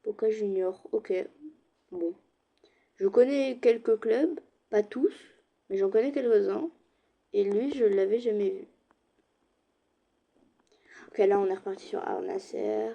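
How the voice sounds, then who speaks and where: A young woman chatting casually to her viewers while playing an online game, with quiet murmured asides. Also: mid-range voice, unhurried, vocal fry, pauses often. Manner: chatty, addresses viewers directly, slips into soft asides. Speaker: gaming streamer. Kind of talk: casual let's-play commentary.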